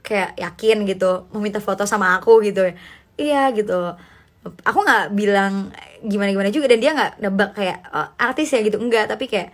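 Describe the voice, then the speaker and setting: A woman's voice: mid-range voice, brisk. Chatty young Indonesian woman livestreaming. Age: young adult. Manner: chatty, animated, mixes in slang and English. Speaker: livestream host reading comments. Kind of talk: casual livestream chat.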